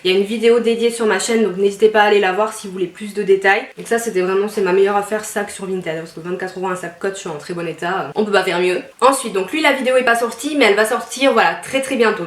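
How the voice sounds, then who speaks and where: A woman's voice: mid-range voice, echoey room. A young woman chatting enthusiastically through a shopping haul, showing her purchases to viewers. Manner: chatty, enthusiastic, rambling with fillers. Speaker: fashion and lifestyle YouTuber. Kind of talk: casual shopping haul vlog.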